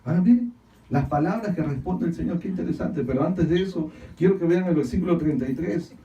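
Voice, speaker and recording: A male pastor preaching a sermon, swinging from loud, emphatic lines to hushed ones, repeating phrases and calling on the congregation to answer. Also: a little high, a little fast, roomy sound, far from the mic, dull audio. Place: church hall.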